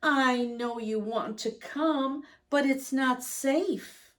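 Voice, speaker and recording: Storybook soldier, male, read by a woman: earnest, tender, very slow delivery, slightly distant microphone. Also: extremely high pitch, voice pushed up, full character voice. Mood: tender, reassuring. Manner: gentle, serious, deliberate.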